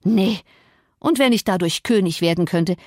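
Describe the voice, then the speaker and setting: A woman reading an audiobook, voicing a sullen, rough young man who talks gruffly and curses, in a dry recording. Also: mid-range voice, moderate pace, darkish tone, no echo, lightly acted. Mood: surly. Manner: gruff, cursing, defiant. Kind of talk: audiobook character voice.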